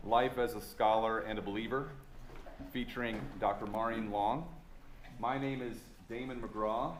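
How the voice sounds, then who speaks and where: A man's voice: medium pitch, a little hiss or hum. Courteous male chaplain host in an echoey room. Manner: measured, courteous, reads a prepared introduction. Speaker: assistant chaplain and interview host. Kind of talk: formal introduction then interview questions. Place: chapel center event space. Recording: echoey room with faint ambience.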